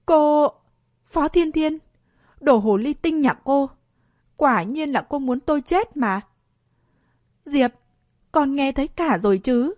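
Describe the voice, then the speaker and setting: A woman voicing an angry middle-aged mother who scolds in a shrill, accusing way. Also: lively intonation, moderate pace, darkish tone, no room sound, studio quality. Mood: furious.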